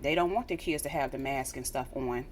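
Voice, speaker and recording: A woman's voice: very deep voice, fairly quick, a little hiss or hum. An American woman vlogger talking casually and earnestly straight to her viewers, repeating phrases for emphasis. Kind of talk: casual direct-to-viewer chat.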